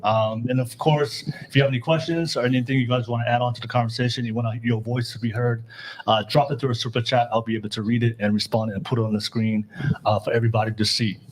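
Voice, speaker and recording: Fast-talking upbeat male podcast host. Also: medium pitch, flat delivery, slight background noise. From California. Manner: upbeat, addresses the live chat directly. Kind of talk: hosting a live panel talk show.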